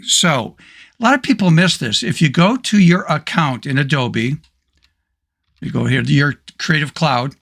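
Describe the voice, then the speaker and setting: Man, hoarse, gravelly voice, slightly high, relaxed step-by-step tutorial talk. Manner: casual, step-by-step with fillers. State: hoarse, losing his voice. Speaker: photo editing tutor. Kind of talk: screen-recorded software tutorial.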